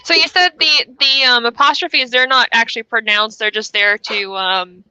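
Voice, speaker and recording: A woman chatting on a live stream, asking follow-up questions in a relaxed, casual way. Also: a little high, moderate pace, clean tone, no echo, highs cut off. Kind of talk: casual chat.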